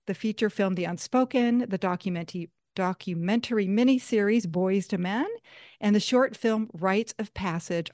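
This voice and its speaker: A woman's voice: medium pitch, darkish tone, no echo, clean studio sound. A woman hosting an interview show in a chatty, lightly joking manner. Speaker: host. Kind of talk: interview host.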